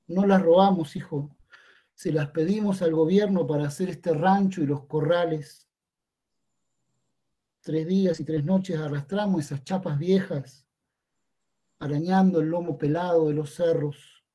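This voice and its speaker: A man reading as a hushed old grandmother. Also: fairly high pitch, a little slow, pauses often. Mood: weary. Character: elderly migrant grandmother, weary and hushed. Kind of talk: poetry reading of a dramatic monologue.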